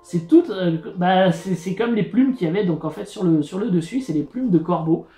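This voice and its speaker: A relaxed, mellow-voiced host chats through an unboxing vlog, full of fillers and restarts. The voice carries a roomy echo, and faint music plays underneath. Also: mid-range voice, normal speed. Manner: chatty and hesitant, many fillers and restarts, narrates each step while handling the box. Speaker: YouTube channel host. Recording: echoey room with faint music.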